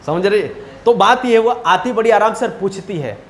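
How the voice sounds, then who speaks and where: A man's voice: sits high, sing-song, a little slow, reverberant, slight background noise. A man teaching a class, retelling a story in a chatty way and often asking whether the students follow. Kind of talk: storytelling lesson retelling a chapter.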